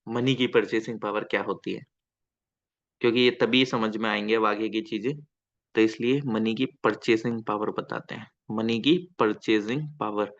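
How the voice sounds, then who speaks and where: A man's voice: mid-range voice, fairly bright tone. Male teacher lecturing a class. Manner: asks students questions, coaxing and repetitive. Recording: slightly dull lo-fi sound.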